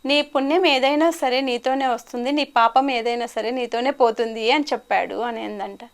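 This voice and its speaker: High-voiced woman telling stories. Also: moderate pace. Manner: animated storyteller, acts out quoted lines. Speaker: life coach. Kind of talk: storytelling in an interview.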